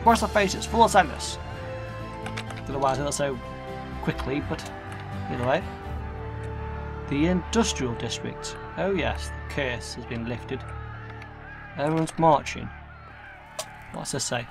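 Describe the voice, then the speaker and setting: A man's voice: medium pitch, a little slow, gravelly, pauses often. A man giving casual gameplay commentary, muttering to himself and reading in-game text aloud. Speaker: gaming video host. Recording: game music behind.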